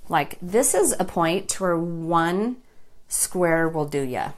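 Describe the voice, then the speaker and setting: A woman's voice: fairly low pitch, expressive, slow pace. A woman hosting a casual makeup tutorial live stream, chatting with her viewers by name as she works. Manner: chatty, talks to viewers by name while working.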